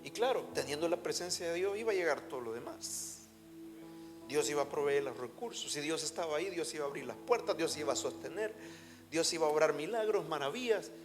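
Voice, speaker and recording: A male pastor delivers an emphatic, fervent sermon. His voice sits fairly high for a man. Music plays clearly behind him. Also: expressive, fairly quick. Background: soft music.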